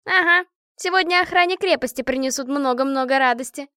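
A woman's voice: sits high, brisk, bright, forceful tone, no echo, clean studio sound, pitched above the performer's own voice. A woman voicing a brash, sarcastic young woman who talks in a mocking, slangy way.

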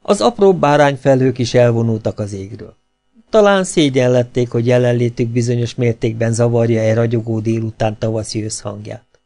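Mellow-voiced male audiobook narrator. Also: medium pitch. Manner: ironic, storytelling delivery with rhetorical questions. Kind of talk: scripted narration of a humorous novel.

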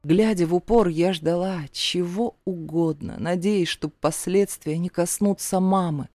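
A woman's voice: lowish voice, unhurried, warm tone, dry recording. A woman reading a first-person story as an audiobook narrator, in a dramatic, emotional storytelling manner.

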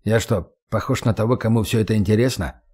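A man voicing a wary, gruff adult knife-thrower who talks in low, clipped phrases. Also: quick pace, darkish tone. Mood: dismissive.

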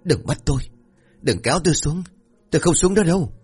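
A man's voice: fairly low pitch, lively intonation, moderate pace, husky, faint music behind. A man voicing a terrified young son, injured and haunted, telling his parents what he saw in a trembling, pleading voice.

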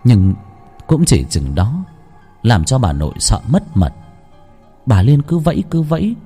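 A man narrating a village ghost story in a hushed, suspenseful storytelling manner. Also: medium pitch, huge pitch swings, measured pace, husky, faint music behind.

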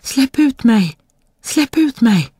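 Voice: sing-song, dark tone, breathy edge, no echo, studio quality. A narrator voicing a huge, boastful spirit trapped in a bottle, in a storybook reading, crying out and threatening. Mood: pleading. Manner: shrill pleading cries, then booming threats.

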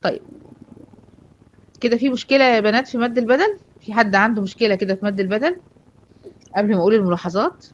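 A woman with an Egyptian Arabic accent teaching a recitation class. She explains patiently, asks her own questions and answers them, and draws out example words slowly. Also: a little high, dull audio, a little hiss or hum. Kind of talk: classroom lesson.

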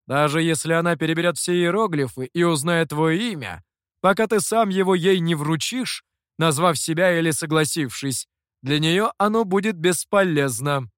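A man doing a calm, protective demon. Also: a little high, clear, resonant tone, no echo, studio quality, natural voice. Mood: warning. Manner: measured, warning.

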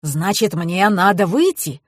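A woman voicing a fussy, exasperated portly male police colonel in an audiobook, talking down slowly and emphatically. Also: on the low side, animated, no room sound, clean studio sound. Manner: grumbling, condescending, slow and emphatic. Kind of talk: audiobook character reading.

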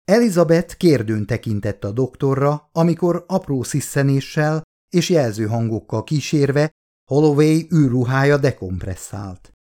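A man reading his own novel aloud as an audiobook, in a steady, measured way. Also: medium pitch. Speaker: author reading own book. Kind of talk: audiobook narration.

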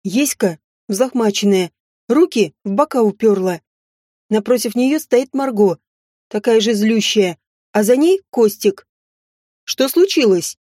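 A woman reading a first-person audiobook with acted dialogue, in an expressive, dramatic way. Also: a little high, a little slow, dry recording, studio quality. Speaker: audiobook narrator.

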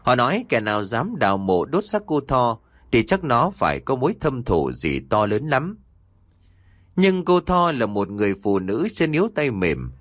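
A man narrating a horror story in a dramatic, expressive reading. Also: mid-range voice, moderate pace, no echo.

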